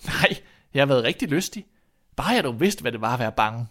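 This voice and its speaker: A man's voice: mid-range voice, sing-song. A man voicing a fearless, cocky young lad in a storybook reading, answering boldly and cheekily. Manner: bright, bold, cheeky replies.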